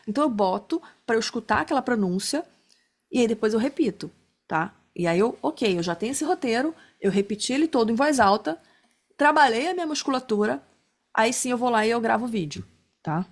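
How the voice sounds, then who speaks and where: A woman's voice: on the high side, animated, fairly quick. Chatty woman teaching a class. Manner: chatty, many fillers like né and tá. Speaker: instructor. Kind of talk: casual online class talk.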